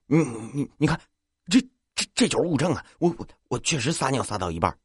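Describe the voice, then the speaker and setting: A man's voice: mid-range voice, big pitch swings, normal speed, breathy edge, no echo, studio quality, voice pushed up. A man doing a jittery stammering young guy. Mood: flustered. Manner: stammering, repeating words.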